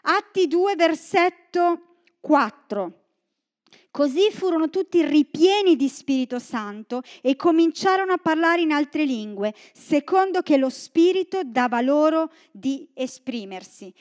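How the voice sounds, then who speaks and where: A woman's voice: high-pitched, measured pace. A woman from northern Italy preaching a sermon in a church, reading scripture and joking with the congregation. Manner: lively, joking asides to the congregation.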